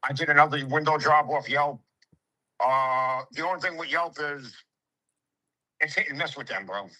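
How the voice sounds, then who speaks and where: A man's voice: on the high side, moderate pace, bright, forceful tone, rough recording. A brash man, a home improvement contractor lecturing in casual, streetwise talk with swearing and acted-out quotes. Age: 50s. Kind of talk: casual sales conversation.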